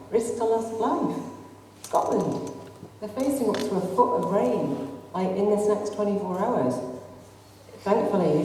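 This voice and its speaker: This middle-aged activist from North West England speaks with a Greater Manchester accent in a fairly low, dark voice. She delivers an impassioned talk to an audience in an arts centre hall, with plenty of ums and rhetorical questions. The recording is distant and echoey, with slight background noise.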